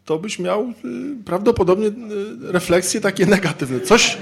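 Chatty man with a slightly high voice. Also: expressive, normal speed, gravelly, background noise. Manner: conversational, peppers sentences with tag questions; humorous, acts out little scenes. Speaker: speaker addressing men about marriage. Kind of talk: informal talk to an audience.

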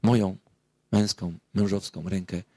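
Man, middle-aged, public lecture, earnest storytelling, dry close sound, husky edge. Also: sits low, fairly even intonation, a little slow, dark tone, no room sound. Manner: earnest storytelling, swelling into emphatic outbursts. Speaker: marriage counselor giving a public talk.

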